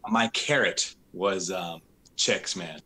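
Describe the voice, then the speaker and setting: Laid-back drummer man, bright voice. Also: sits low, slow. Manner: laid-back, laughs often, drawls words. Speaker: drummer and interview guest. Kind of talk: casual interview chat.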